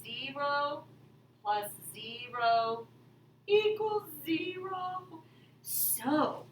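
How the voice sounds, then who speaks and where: Woman, elementary math teacher, kids show host delivery, high pitch, exaggerated exclamations, distant mic. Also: expressive, extremely slow. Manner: exaggerated exclamations, simple step-by-step explaining. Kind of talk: kids show host style lesson, addressing children. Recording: echoey room, distant mic, faint noise.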